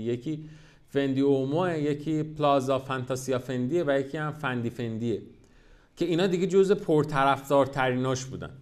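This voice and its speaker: A man hosting a podcast, telling a brand's history in a casual, lively storytelling way with rhetorical questions. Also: fairly high pitch. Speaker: podcast host.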